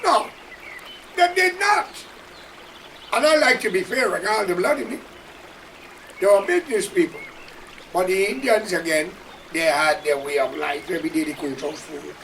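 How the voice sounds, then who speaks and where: Emphatic high-voiced Guyanese man. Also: animated, normal speed, long pauses, fairly bright tone, recorded from a distance, slight background noise, low-quality recording. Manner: preachy, emphatic, addresses listeners directly. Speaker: political commentator. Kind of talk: impassioned monologue.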